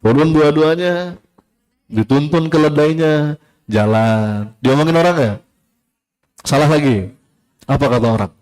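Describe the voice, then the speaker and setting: A man giving a casual sermon to a live audience, lively, acting out voices in his story and repeating key phrases. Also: fairly high pitch, a little slow, pauses often. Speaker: preacher.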